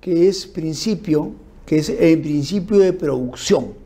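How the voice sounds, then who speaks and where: A man giving an informal law lecture, explaining through lists and examples and checking in with his listeners with quick tag questions. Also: a little high, warm tone, slightly rough. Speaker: criminal law instructor. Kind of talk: informal lecture on forensic principles.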